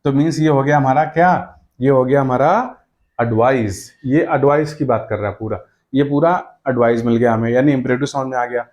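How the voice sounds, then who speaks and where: A man teaching an English grammar class, explaining step by step and slowing right down to dictate example sentences word by word. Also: medium pitch, darkish tone, muffled recording. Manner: explains step by step, checking with "correct?" and "okay?".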